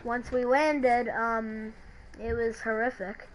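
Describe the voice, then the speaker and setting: A woman telling a creepy story in a halting, hesitant way, often restarting her sentences. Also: fairly high pitch, steady tone, slight background noise, low-quality recording. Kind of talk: creepypasta narration.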